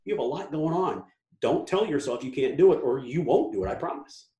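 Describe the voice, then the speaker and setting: A man's voice: a little high, animated, a little fast, mellow, roomy sound. A man talking on a podcast in a casual, blunt way, telling stories with lots of animation and swearing freely.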